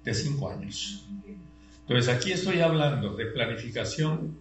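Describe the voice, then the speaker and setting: An older man giving a classroom lecture, tired, slow and deliberate, posing rhetorical questions and pressing his points. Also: mid-range voice, expressive. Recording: roomy, dull sound with faint hum.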